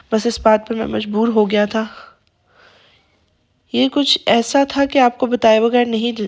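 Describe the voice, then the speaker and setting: A woman's voice: on the high side, a little mellow, close to an everyday voice. A woman voicing a devoted young husband who soothes and coaxes his crying wife, repeating pet names. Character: devoted young husband, tender and guilt-ridden.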